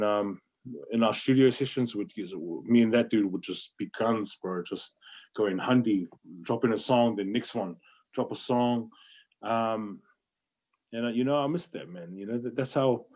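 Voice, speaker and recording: A man's voice: lowish voice, a little mellow. A man in his late forties with a New Zealand accent, chatting candidly and earnestly as a podcast guest, often repeating phrases for emphasis and saying "bro". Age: late 40s. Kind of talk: casual, candid personal chat.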